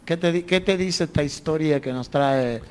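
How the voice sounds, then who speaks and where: A man's voice: on the high side, normal speed, darkish tone, slight background noise. Man hosting an easygoing interview. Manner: enthusiastic praise and questions. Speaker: host. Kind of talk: casual interview.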